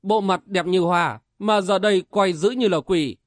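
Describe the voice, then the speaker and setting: Dude reading a martial arts novel aloud, dramatic, high voice, dry no-room sound. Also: male voice, moderate pace, no room sound. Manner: vivid, dramatic storytelling. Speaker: audiobook narrator. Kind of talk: dramatic audiobook narration.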